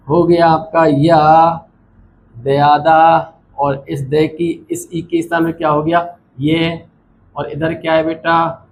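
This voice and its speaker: A fairly high-pitched man teaches a grammar lesson at the board. He puts questions to his students, answers them himself and repeats the key points. Faint noise hangs under the recording. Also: a little mellow, low-quality recording. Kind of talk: classroom lecture at a board.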